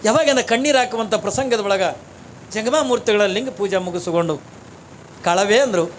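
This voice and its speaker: Brief: male preacher, very high voice, rhetorical storytelling. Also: moderate pace, slight background noise. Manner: rhetorical, asks the audience questions. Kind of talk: sermon storytelling.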